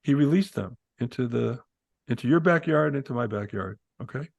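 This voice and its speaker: A man co-hosting a casual political podcast, animated and joking as he reads old quotes aloud. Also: medium pitch, normal speed, vocal fry, no echo. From Italian-American. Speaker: podcast co-host. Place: Arizona.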